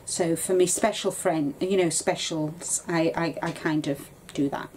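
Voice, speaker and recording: Stuffed up with a cold and coughing, a woman rambles to the webcam on her desk in her craft room at home, filling her casual vlog chat with ums. Her fairly low voice is steady, a little slow and mellow, on poor audio with slight background noise.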